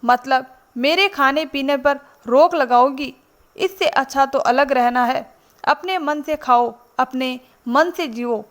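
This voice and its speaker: A woman's voice: high-pitched, slow. A woman voicing a petulant, complaining young daughter-in-law in a spoken storybook. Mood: sulky. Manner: grumbling, sulky.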